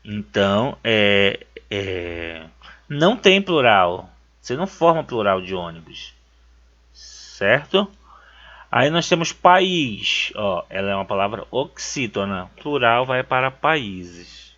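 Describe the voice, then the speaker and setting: A man's voice: on the low side, very animated, takes it slowly, sharp tone. A man from Brazil teaching a grammar lesson for an exam, emphatic and checking in with "certo?" as he repeats key words. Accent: Brazilian Portuguese. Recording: dull lo-fi sound.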